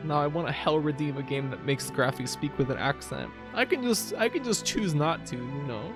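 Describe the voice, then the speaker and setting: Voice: medium pitch, lively intonation, normal speed, music in the background. A video game streamer giving casual, wry, joking commentary on a playthrough.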